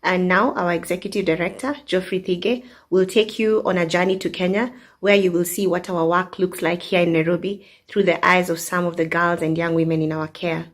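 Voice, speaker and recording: Lower-voiced woman hosting an event. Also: fairly even intonation, fairly quick, few pauses. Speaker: event host. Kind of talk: presenting, introducing a video.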